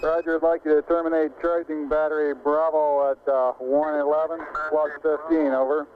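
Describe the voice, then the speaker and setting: A man's voice: a little high, flat delivery, a crowd in the background. American mission control man, phone-like radio. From United States. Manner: measured, procedural, formal call-outs. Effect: radio transmission. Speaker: mission control capsule communicator. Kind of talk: astronaut radio procedural calls. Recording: phone-like radio link with faint noise.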